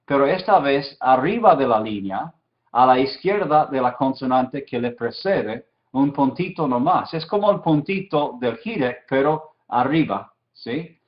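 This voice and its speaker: Man, teacher, slow measured lecture, checks in with "ok?", filler "ah"s, muffled lo-fi audio. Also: mid-range voice, animated. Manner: patient, checks understanding with frequent "¿sí?" and "¿ok?"; repeats key terms, many "ah" fillers. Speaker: Biblical Hebrew teacher. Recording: dull lo-fi recording.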